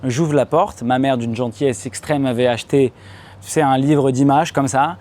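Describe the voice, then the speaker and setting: A young French stand-up comedian performs a set on a comedy club stage before a live audience, speaking at normal speed. He tells stories animatedly in slangy casual French, talks directly to the crowd, and acts out voices with loud, high outbursts.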